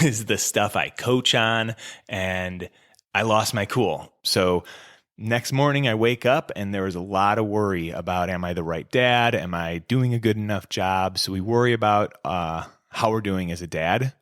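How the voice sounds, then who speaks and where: A man's voice: fairly low pitch, normal speed, a bit bright, no room sound, studio quality. A man in his thirties hosting a podcast as a coach, talking in a candid, reflective, conversational way. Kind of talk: casual solo podcast talk.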